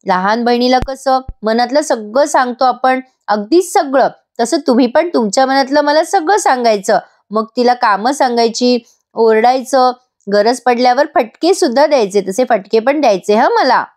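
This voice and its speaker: A woman voicing a gentle, loving young bride in a voice-over episode recap, speaking softly and affectionately. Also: on the high side, normal speed, close to an everyday voice. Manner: soft, affectionate, pleading. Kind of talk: voice-over recap reading a character's lines.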